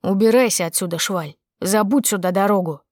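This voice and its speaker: A woman reading an audiobook and voicing a cold, contemptuous husband who is sometimes harsh and sometimes quietly menacing. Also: on the low side, brisk, dry recording, clean studio sound, natural voice. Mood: snarling. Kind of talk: audiobook character voice.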